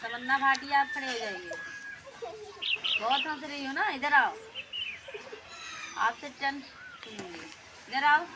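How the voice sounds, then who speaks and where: A woman's voice: high voice, animated, measured pace, pauses often, heavy background noise. A woman playing a teacher who quizzes children on English words, scolding them sternly and repeating her questions. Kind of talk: scolding classroom skit.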